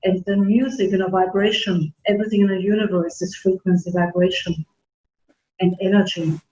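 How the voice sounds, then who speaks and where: A middle-aged woman from Germany, raised in Austria, telling her story in an interview, earnest and halting with many fillers. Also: medium pitch, flat delivery, noisy background. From born in Germany, grew up in Austria. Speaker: naturopathic doctor, guest. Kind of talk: casual interview talk. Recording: dull roomy audio.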